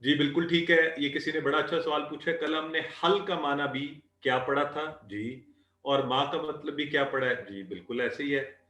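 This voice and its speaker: A man's voice: a little high, normal speed, pushed and bright. A man teaching a live online Arabic lesson, patiently repeating and drilling phrases. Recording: echoey room, voice a bit distant.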